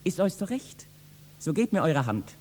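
Young kitchen boy, cheeky and loud, animated voice, 1960s radio drama. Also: fairly high pitch, normal speed. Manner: lively, mocking, bursts into loud shouting. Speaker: actor in a radio play. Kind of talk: classic stage verse, 1960s radio play.

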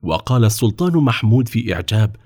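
A man's voice: fairly low pitch, fast, breathy edge, no echo, studio quality. A man narrating a storybook expressively and voicing each character himself. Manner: expressive, voices every character.

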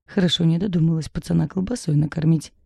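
A woman's voice: deep voice, steady tone, quick pace, gravelly, mellow, slightly rough, no room sound, clean studio sound, exaggerated voice. A woman reading the part of a scornful, mocking woman friend in an audiobook. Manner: snorting, scornful.

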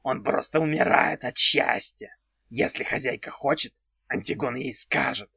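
A man voicing a gleefully perverse male house spirit in an audiobook, speaking slowly and strangely about himself in the third person. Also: medium pitch, gravelly, slightly rough, dry recording, exaggerated voice. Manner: slow, odd, talks of himself in third person. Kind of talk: audiobook character voice. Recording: dull lo-fi sound.

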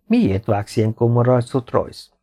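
A man voicing a calm, easygoing medieval knight in an audiobook, speaking lightly to a friend. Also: mid-range voice.

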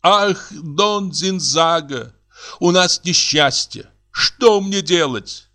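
A man's voice: fairly high pitch, drawn-out words, pushed and bright, voice pushed up, full character voice. A man voicing an anxious young actor's wife who pleads fretfully in an audiobook reading. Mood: pleading.

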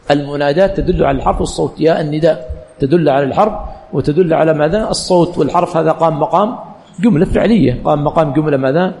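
A man's voice: fairly high pitch, creaky, a little mellow, long reverb tail. A male religious teacher giving a classroom lecture, quizzing the students with questions that he answers himself and repeating key phrases.

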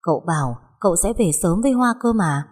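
A woman's voice: fairly low pitch, lively intonation, fairly quick, a little mellow, slightly rough. A woman doing a desperate young wife. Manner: pleading, broken. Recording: long hall reverb.

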